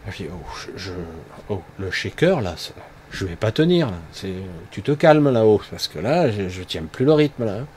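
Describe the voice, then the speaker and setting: A man with a lowish voice talks through a casual spiritual monologue. He rambles and circles back, filling gaps with little tag words. A faint hum of noise sits behind him. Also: very animated, normal speed, darkish tone. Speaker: spiritual speaker.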